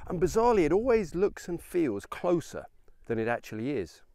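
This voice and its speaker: On a countryside hiking trail, the host of a history hiking vlog, a man in his thirties, gives informal commentary full of wry asides. His fairly high voice is sing-song and a little mellow at a moderate pace, set against outdoor noise and open-air ambience.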